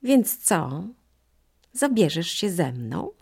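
A woman's voice: on the low side, big pitch swings, gravelly, a little mellow, slightly rough, heavily acted. A woman doing a sly grinning crocodile. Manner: slow, drawn-out, smug.

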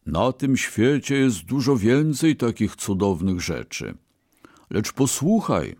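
A man voicing a loyal, gentle ox in a read-aloud storybook, speaking softly and slowly. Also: on the low side, big pitch swings, exaggerated voice. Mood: calm. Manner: soft, slow, reassuring. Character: gentle strong male ox, loyal and calm.

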